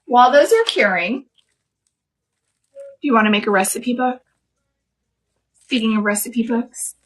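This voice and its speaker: A woman in her late thirties hosts a live craft stream, chatting casually with viewers and walking through each step as she works. Her voice is on the high side and unhurried, and she laughs often.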